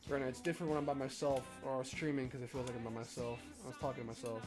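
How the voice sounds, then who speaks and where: A man's voice: medium pitch, flat delivery, fast talker, music in the background. A young man streaming while he draws, rambling casually and swearing, often mocking himself. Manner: rambling, profane, self-deprecating.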